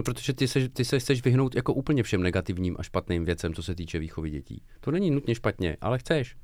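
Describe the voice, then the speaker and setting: A man co-hosting a casual podcast chat, blunt and animated, swearing freely. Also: medium pitch, dry recording. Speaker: podcast co-host.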